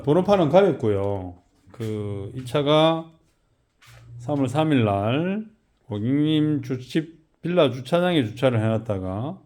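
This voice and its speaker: A man's voice: medium pitch, warm tone. A man in his forties with a Gyeongsang Korean accent, a car detailing shop owner talking loosely and chattily in a casual vlog, tired after working all night.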